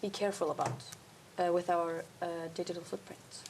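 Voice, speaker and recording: A young woman hosting a student talk show, upbeat and lively in her introductions and questions. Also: on the low side, brisk, background noise. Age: teens or young adult.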